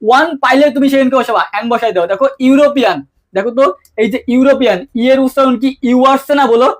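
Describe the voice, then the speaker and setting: A man teaching an English grammar lesson, constantly asking his students questions and answering them himself in a casual, colloquial way. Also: very high-pitched. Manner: quick-talking, keeps asking students questions; colloquial, mixes English terms into speech. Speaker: English tutor. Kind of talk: online exam-prep lesson.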